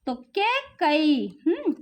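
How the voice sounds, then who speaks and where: A woman from India leads a phonics lesson for a young learner. Her voice sits very high, and she takes each sound slowly, quizzing and repeating with steady patience. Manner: slow, patient drilling with repeated questions. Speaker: teacher. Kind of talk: home phonics lesson for parents.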